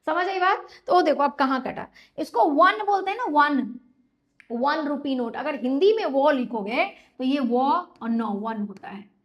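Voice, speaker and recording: A woman's voice: high-pitched, animated, unhurried. A woman teaching an English grammar lesson in Hindi, putting questions to students and answering them herself, often checking whether they understood.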